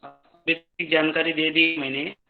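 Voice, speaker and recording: A man giving a talk over an online call whose voice cuts out on a bad network connection, speaking slowly and haltingly with many fillers. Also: fairly high pitch, level tone, gravelly, narrow, tinny audio, soft background music. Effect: breaking up over a bad network connection. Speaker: invited guest speaker.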